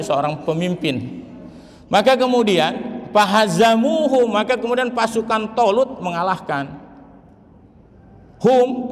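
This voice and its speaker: A middle-aged man preaching a lively mosque sermon, joking with the congregation. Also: high voice. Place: large mosque hall. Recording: reverberant mosque hall.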